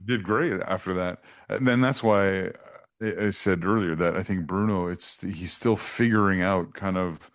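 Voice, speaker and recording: A man's voice: low voice, a little slow. A man analyzing a football match in casual broadcast chat with many fillers. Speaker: sports analyst. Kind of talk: broadcast commentary.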